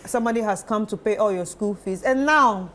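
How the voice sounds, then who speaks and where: A woman's voice: medium pitch, fairly quick, fairly bright tone, a little hiss or hum. A woman on a talk panel who often chimes in and agrees, then argues her own view. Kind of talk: casual chat.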